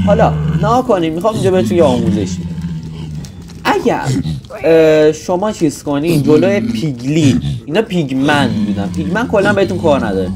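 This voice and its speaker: Lively young man explaining a game. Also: on the high side, very noisy. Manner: rambling, loose, with restarts and joking asides. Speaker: gaming tutorial host. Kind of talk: casual gameplay tutorial.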